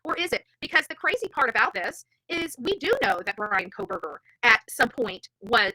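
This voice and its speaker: Brash and feisty, a woman rambles through informal live commentary on her true crime stream, mixing in stories and reading aloud. Her voice leans high, bright, and forceful. The audio is low quality, with no room sound.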